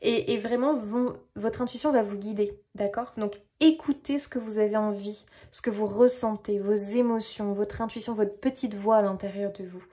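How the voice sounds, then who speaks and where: A woman's voice: medium pitch, steady tone, normal speed, few pauses, mellow. A woman with a French accent giving a casual, playful tarot reading, talking with lots of fillers. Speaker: tarot reader.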